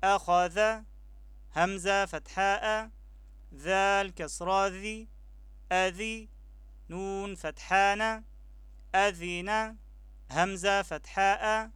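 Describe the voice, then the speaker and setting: A man's voice: sits high, fairly even intonation, slow pace, long pauses, a bit bright, clear, resonant tone, no room sound. A man teaching Quran reading, spelling each letter with its vowel mark and then blending the syllables into the word. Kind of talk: slow letter-by-letter spelling drill.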